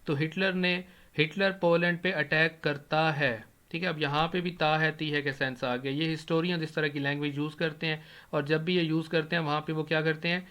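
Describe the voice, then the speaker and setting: A man teaching an English grammar lesson over a screen recording, explaining step by step, asking questions and answering them himself, and slowing down to spell out his English examples. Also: on the high side, fairly even intonation, pushed and bright, smooth.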